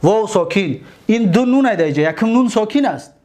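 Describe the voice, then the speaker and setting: A man with a Tajik-accented Persian voice teaching an Arabic grammar lesson, reciting verb forms slowly and often checking that listeners follow. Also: sits high, expressive, warm tone. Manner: drills verb forms slowly, stretching each word.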